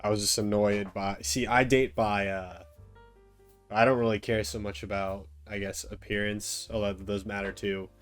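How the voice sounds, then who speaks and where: A man's voice: lowish voice, level tone, normal speed, soft background music. A young man commenting casually on a video he is watching, thinking aloud with many hesitations. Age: young adult. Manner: musing, hesitant, many fillers. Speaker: reaction video host. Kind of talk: casual commentary over a clip.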